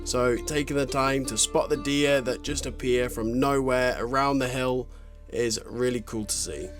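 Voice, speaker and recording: Guitar music plays clearly behind a man's voice-over. He tells the story in the first person as a vlog narrator, at a medium pitch. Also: measured pace.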